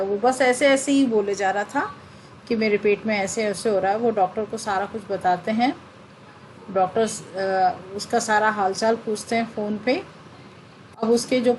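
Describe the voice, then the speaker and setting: A woman's voice: medium pitch, a little mellow, slight background noise, poor audio. A woman teacher reading a textbook play aloud to children, stopping to explain the scenes and give them tasks. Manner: slow, explanatory, addresses the children directly.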